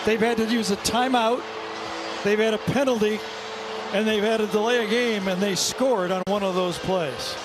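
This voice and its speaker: A man's voice: high voice, fairly even intonation, normal speed, noisy background. A man giving live football analysis as a colour commentator, explaining in a conversational way.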